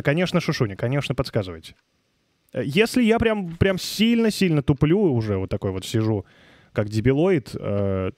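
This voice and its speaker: In casual gaming stream commentary, a man with a medium-pitched, darkish voice talks close to the microphone with no echo. He swears, mutters in puzzlement, comments informally and reads and replies to his viewers' chat.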